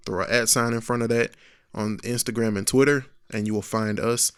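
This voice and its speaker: A man's voice: mid-range voice, fairly even intonation, brisk, clear, resonant tone, no room sound, studio quality. A man co-hosting a podcast, joking and bantering in casual talk. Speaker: podcast co-host. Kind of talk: casual chat.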